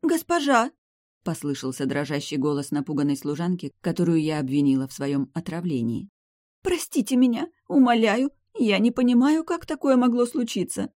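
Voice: medium pitch, fairly even intonation, a little fast, dark tone, dry recording, studio quality, close to an everyday voice. A reader voicing a frightened young female vampire maid with a trembling, pleading voice, as an audiobook role. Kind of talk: audiobook character voice.

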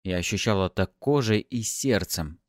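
A man narrating a first-person audiobook in a lively, expressive way. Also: on the low side, normal speed, no echo, studio quality.

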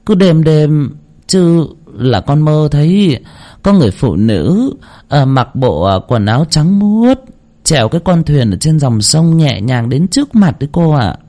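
A man's voice: on the high side, big pitch swings, measured pace, dark tone, pitched above the performer's own voice. A man voicing a distraught young woman who pleads with a spirit medium, stammering near tears, in a storytelling narration. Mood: pleading.

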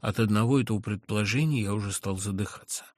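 A man giving an expressive reading of classic literature. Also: lowish voice, fast talker, dry recording, studio quality. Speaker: reader.

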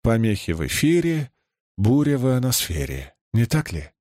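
A pale young radio operator, quiet and subdued, his lines softer than those around him, as a man reads him in an audiobook. The sound is close and dry. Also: mid-range voice, very animated, moderate pace, no room sound, lightly acted. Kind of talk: audiobook character reading.

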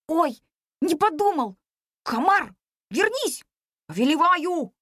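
A woman voicing an excitable, boastful monkey boy in a storybook reading, often whispering eagerly. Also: extremely high pitch, takes it slowly, no room sound, studio quality, pitched above the performer's own voice, exaggerated voice.

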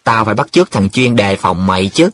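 A man's voice: on the low side, expressive, fairly quick, a bit bright, dry recording. A man voicing a touchy young man in love who answers his friends defensively and hesitantly. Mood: threatening.

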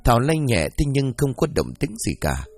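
A man narrating a story as an audiobook, reading in a lively, expressive way. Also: medium pitch, moderate pace, husky.

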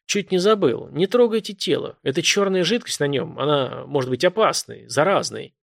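A man voicing a harried police officer working the phones, brisk and firm, trying to reassure callers. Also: on the high side, lively intonation, creaky. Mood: pressed. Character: harried male police dispatcher, calm but pressed.

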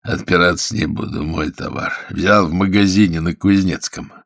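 A man voicing a hungover male thief who speaks in a hoarse, half-whispered voice, weak and pleading, in underworld slang. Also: sits low, steady tone, moderate pace, fairly bright tone, no room sound, clean studio sound, heavily acted. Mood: wary.

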